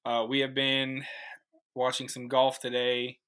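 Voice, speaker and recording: A man's voice: medium pitch, monotone, measured pace, a bit bright, smooth, low-quality recording. A young man hosting a casual podcast in a shared room, telling stories with lots of fillers. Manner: rambling storyteller, many fillers. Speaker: podcast host. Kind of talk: casual chat. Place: room, recording with cohosts.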